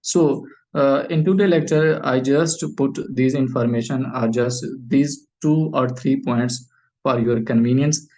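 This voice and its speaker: A Pakistani man whose first language is Urdu delivers a medical lecture in English, often pausing on fillers, repeating phrases, and asking questions he answers himself. His voice is mid-range and darkish, and the recording quality is rough.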